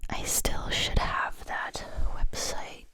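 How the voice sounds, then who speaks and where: Woman in a close, breathy ASMR whisper. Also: slow pace, no echo. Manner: soft close-up whispering, ear to ear. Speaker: ASMR video creator and host. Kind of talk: ASMR whispered casual chat to viewers. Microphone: close-up microphone, ear to ear.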